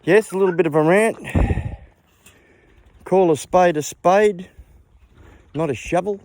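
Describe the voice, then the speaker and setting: A man's voice: high-pitched, measured pace, darkish tone, no room sound. Blunt older Australian man ranting. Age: 70s. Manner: blunt, opinionated, rambling. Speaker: vlogger and hobby farmer. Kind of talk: casual ranting monologue. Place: outdoors on a small farm among animals.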